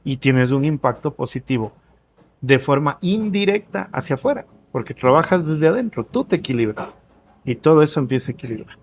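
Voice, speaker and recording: A man, a coach, explaining ideas to an interviewer in a lively conversational way, often posing questions and answering them himself. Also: medium pitch, a little fast, a little hiss or hum. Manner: animated, asks and answers own questions. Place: café.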